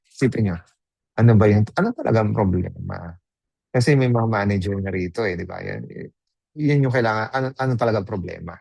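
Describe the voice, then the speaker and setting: A man's voice: fairly low pitch, a little fast, creaky, darkish tone, dry recording. A man giving a live online training, chatting casually, mixing Tagalog and English, and putting questions to the audience. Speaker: webinar trainer.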